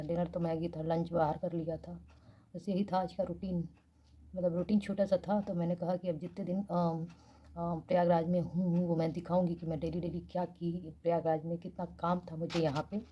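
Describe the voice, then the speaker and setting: A young woman from India chatting casually in a late-night vlog, speaking softly so she won't wake her neighbours. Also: fairly low pitch, dull audio, a little hiss or hum. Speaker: vlogger. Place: small rented room in a girls' hostel, at night.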